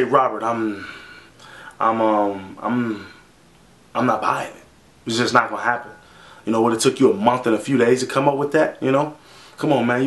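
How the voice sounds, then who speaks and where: A man's voice: medium pitch, fairly bright tone, roomy sound. A man giving a blunt, profane, sarcastic video rant about a news story. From Minnesota. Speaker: vlogger. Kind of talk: casual ranting commentary.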